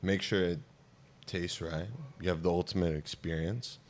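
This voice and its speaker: Deep-voiced man hosting a casual chat. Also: flat delivery, moderate pace, a little hiss or hum. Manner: laid-back, joking. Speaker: show host.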